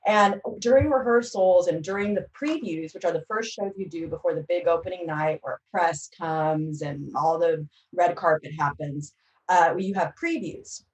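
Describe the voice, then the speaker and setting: The woman tells her story with animated flair and acts out her lines as she goes. Her voice sits at a middle pitch. She is heard over a video call, set back from the mic in a roomy, echoing space. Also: normal speed, far from the mic. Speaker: actor panelist. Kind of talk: casual anecdote on a virtual panel.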